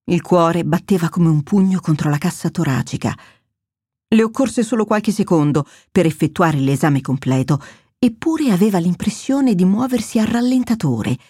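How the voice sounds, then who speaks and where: Steady woman narrating a thriller. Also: lowish voice, husky, no echo, clean studio sound. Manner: measured, steady storytelling. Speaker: audiobook narrator. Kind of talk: scripted narration.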